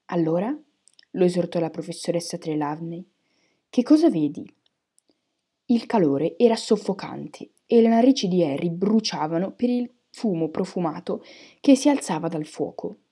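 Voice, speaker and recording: A woman calmly narrating a story as an audiobook reader. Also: on the low side, husky. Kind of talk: scripted narration.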